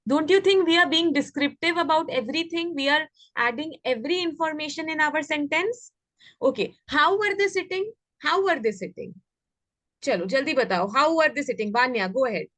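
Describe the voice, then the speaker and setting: A woman with an Indian accent leads young kids through an interactive English lesson online, asking the same questions again and again to prompt them. Her high, expressive voice has a fairly bright tone and a fairly quick pace, with no echo.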